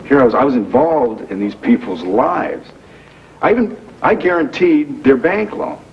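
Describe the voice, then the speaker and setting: An actor playing a wealthy young man who has posed as a factory worker, explaining himself earnestly with halting fillers, in 1980s daytime soap acting heard from a worn VHS tape copy. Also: mid-range voice, lively intonation. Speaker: businessman explaining a masquerade. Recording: muffled hissy worn videotape of a TV broadcast.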